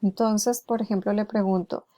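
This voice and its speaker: A woman lecturing on therapy strategies, explaining each one and slowing down to model words clearly. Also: mid-range voice, steady tone, warm tone. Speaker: lecturer on hearing-impaired therapy. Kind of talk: recorded lecture with acted examples.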